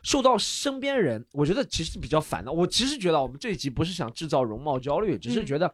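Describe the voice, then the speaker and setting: Playful, lively man podcast host. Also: a little high, quick pace, no echo. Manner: playful, jokey, steers the topic. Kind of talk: casual chat.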